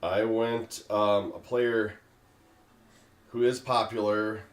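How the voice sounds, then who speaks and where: A man hosting a casual discussion, talking in a halting way with many fillers. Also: lowish voice, fairly even intonation. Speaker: host. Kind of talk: casual draft pick discussion. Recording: echoey room.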